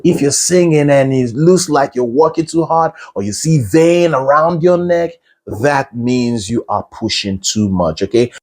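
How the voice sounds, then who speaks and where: A man's voice: medium pitch, animated, a little slow, a little mellow. A man teaching a singing lesson as a vocal coach. He explains patiently and checks in with the listener. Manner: patient, checks in with "right?" and "okay?".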